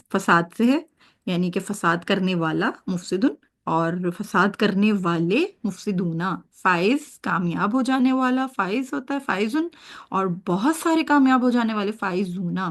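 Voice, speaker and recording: A woman teaching Arabic grammar, drilling word pairs and checking her students' understanding as she goes. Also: mid-range voice. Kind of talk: online grammar lesson.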